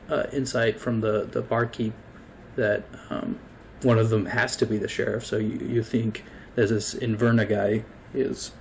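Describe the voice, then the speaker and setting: A man's voice: on the low side, creaky, slight background noise. A man narrating a tabletop game as game master, casual and full of fillers. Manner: casual, hesitant, many fillers.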